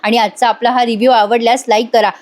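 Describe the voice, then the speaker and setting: Woman, high voice, chatty voice-over recap, addresses viewers. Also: level tone, fast, a little mellow. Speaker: TV serial reviewer.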